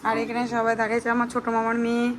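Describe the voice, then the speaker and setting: Chatty hoarse woman vlogger. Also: a little high, completely flat delivery, rapid-fire, a crowd in the background. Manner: chatty, addressing viewers directly. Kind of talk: casual family vlog. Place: home, indoors with family.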